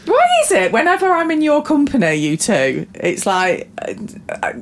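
A woman's voice: sits high, wildly swooping pitch, normal speed. A woman co-hosting a podcast, chatting casually and giggling often. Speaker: podcast co-host. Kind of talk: casual chat.

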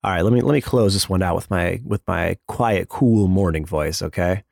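A man's voice: low-pitched, moderate pace, vocal fry, a little mellow, dry recording, clean studio sound. A man playing a tabletop game, blunt and sarcastic toward another character. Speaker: player. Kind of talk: tabletop role-play.

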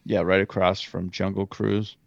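A man's voice: low-pitched, little pitch movement, moderate pace, vocal fry, no room sound, lo-fi sound. A man co-hosting a podcast, telling a rambling trip story in casual chat and correcting himself as he goes. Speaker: podcast co-host.

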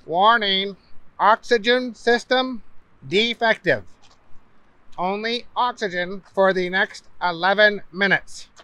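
Storybook casting: a calm ship computer, voiced by a male narrator; slow, even and high, close and dry. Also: smooth, no echo, full character voice, rough recording. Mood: calm announcing. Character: calm, slow-talking spaceship computer on the intercom. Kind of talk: storybook read-aloud.

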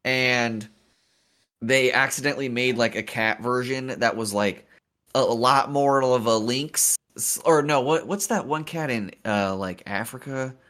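American man, casual chat, bright forceful tone, emphatic, bro slang, swearing. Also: mid-range voice, unhurried. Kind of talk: casual chat about books and hypotheticals.

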